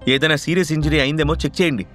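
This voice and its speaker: A man's voice: on the high side, fairly even intonation, rapid-fire, a bit bright, soft background music, pitched above the performer's own voice, natural voice. A man voicing a hot-tempered, protective powerful man who fires off urgent questions in a raised voice. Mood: tense.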